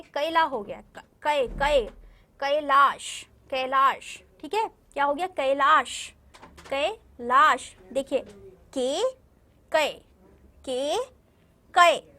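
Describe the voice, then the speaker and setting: A woman teaching young children Hindi in a recorded video lesson, slowly stretching and repeating each word syllable by syllable and often checking whether they follow. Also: high voice, bright, forceful tone. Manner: slow, drawn-out syllable-by-syllable pronunciation drills, repeating words; patient, coaxing, checks understanding with "ठीक है?". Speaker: primary school Hindi teacher.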